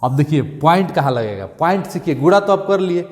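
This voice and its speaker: A male maths teacher, repeating steps and checking in often with "thik hai" and "clear". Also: fairly high pitch, animated, brisk, darkish tone, in a large hall. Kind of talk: classroom maths lesson.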